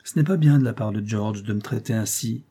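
A man voicing an earnest young gentleman lawyer in an audiobook, speaking gravely and with indignation. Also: lowish voice, brisk.

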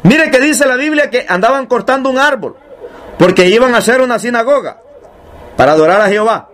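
A man preaching a sermon, emphatic and repetitive, asking rhetorical questions and slowing down to read scripture aloud. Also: very high-pitched, expressive, fairly bright tone.

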